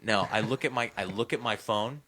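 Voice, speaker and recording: A man's voice: on the low side, brisk, sharp tone. A man hosting a casual podcast, telling a story in a rambling way, full of fillers and restarts. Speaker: podcast host.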